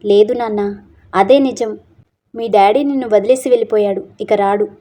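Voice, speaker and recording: A woman voicing a kind, patient older woman who runs an orphanage and speaks in a soft, coaxing tone. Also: mid-range voice, moderate pace, close to an everyday voice.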